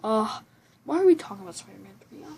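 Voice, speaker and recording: A woman's voice: a little high, very animated, fast talker, gravelly, darkish tone, poor audio. A woman giving a casual, rambling movie review at home, often restarting sentences and breaking into giggly asides. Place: room at home with a computer behind her.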